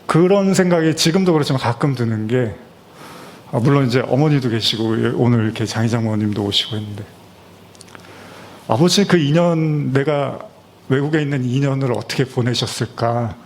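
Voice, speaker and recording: A man's voice: medium pitch, normal speed, slight background noise. A middle-aged male pastor delivering a Christmas sermon in a conversational, storytelling way with frequent fillers.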